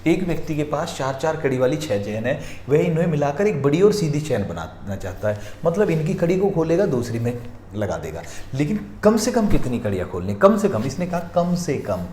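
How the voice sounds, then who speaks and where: A man teaching reasoning practice questions, walking through each answer step by step and telling viewers to pause and look carefully. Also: on the high side, sing-song, dark tone. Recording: echoey room, faint noise.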